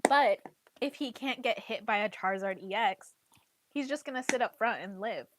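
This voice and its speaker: Over some background noise, a woman with a slightly high voice chats at a normal speed about a card game she plays. Her nose is blocked as she recovers from a cold, and this content creator peppers her talk with "like" and "literally."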